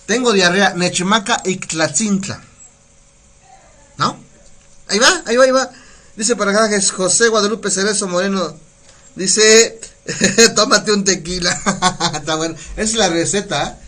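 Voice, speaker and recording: A middle-aged Mexican man with a Mexican Spanish accent, who hosts community radio, teaches Nahuatl vocabulary in a casual live-stream lesson and reads viewer comments. He's chatty and laughs often, and his voice is high for a man, bright and forward. He slows down and repeats each word carefully so listeners can follow the pronunciation.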